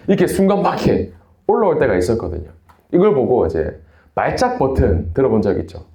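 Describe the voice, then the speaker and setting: A man's voice: medium pitch, huge pitch swings, a little fast, dark tone, reverberant. A young man from Busan with a Busan Gyeongsang accent, preaching to a youth group in a chatty storytelling way. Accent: Busan Gyeongsang dialect. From Busan, South Korea. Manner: chatty storytelling, refers to himself in third person. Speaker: youth pastor.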